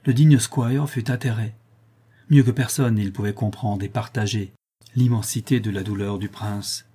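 Husky, mellow male audiobook narrator. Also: lowish voice, steady tone. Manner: measured storytelling. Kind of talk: scripted narration.

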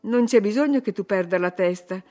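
A woman reading an audiobook, voicing an irritated genteel young husband with sharp, indignant exclamations. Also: mid-range voice, a little fast, lightly acted. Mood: curt.

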